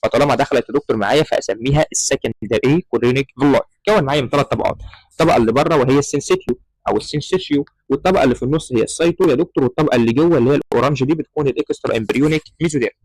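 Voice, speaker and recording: A man's voice: mid-range voice, rapid-fire, a little mellow, no echo, low-quality recording. A man with an Egyptian Arabic accent explaining embryology slides to medical students, often calling the listener "doctor" and mixing in English terms. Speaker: medical lecturer.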